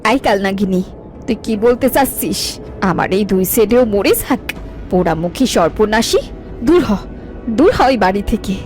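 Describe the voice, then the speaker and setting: A woman's voice: medium pitch, expressive, normal speed, darkish tone, soft background music, close to an everyday voice. A woman voicing a harsh, scolding village mother-in-law in a cartoon drama. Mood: furious.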